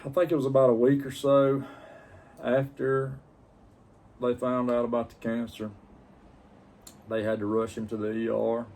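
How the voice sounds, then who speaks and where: A man telling a personal story casually, in a plain-spoken, halting, reflective way. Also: medium pitch, completely flat delivery, darkish tone, slight background noise. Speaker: pipe-smoking vlogger.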